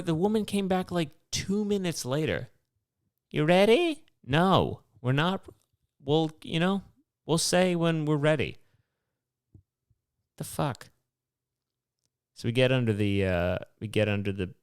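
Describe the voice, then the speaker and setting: Brief: male podcaster, mid-pitched, smooth voice, rambling and profane, dry close sound. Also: no echo. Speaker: podcast host. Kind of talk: casual solo storytelling.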